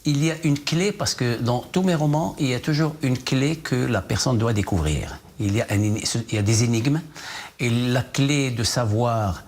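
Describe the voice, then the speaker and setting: In a TV news studio, a male novelist from Morocco answers interview questions hesitantly, full of fillers and restarts. His voice is mid-range, a little mellow, and moderately paced.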